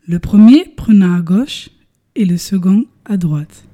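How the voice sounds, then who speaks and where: A woman's voice: medium pitch, measured pace, warm tone. A woman narrating a comic story in a mock radio style, addressing the listeners theatrically.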